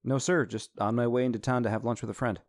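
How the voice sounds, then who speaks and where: A man's voice: medium pitch, fairly even intonation, fast talker, darkish tone, no room sound, studio quality, voice pushed up, natural voice. A man voicing a polite, wary young man who keeps his talk carefully casual and respectful.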